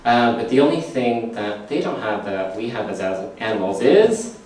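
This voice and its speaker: Man hosting a live stage show, playful and laughing, boomy theater echo, heard from a distant mic. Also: expressive, normal speed, darkish tone, slight background noise. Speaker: comedy science show host. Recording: echoey theater from far off.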